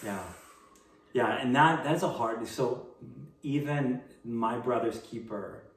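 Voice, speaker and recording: A man's voice: medium pitch, far from the mic, a little hiss or hum. Earnest man speaking in an echoey room. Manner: earnest, quickens when making a point. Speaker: podcast guest, youth ministry director. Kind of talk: casual interview chat.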